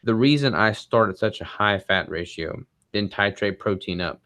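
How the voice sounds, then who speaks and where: A man guest in a casual interview, explaining his diet approach in a quick, relaxed way with casual fillers. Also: on the low side, no echo, studio quality. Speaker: bodybuilder guest.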